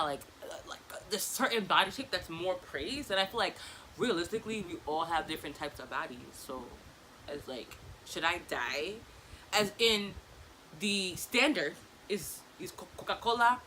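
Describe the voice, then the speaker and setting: A woman's voice: mid-range voice, sharp tone, slight background noise, rough recording. A woman, chatting casually and animatedly in slangy bursts while she does her makeup. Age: 20s. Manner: talking distractedly while applying makeup. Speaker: vlogger. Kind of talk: casual get-ready-with-me chit chat.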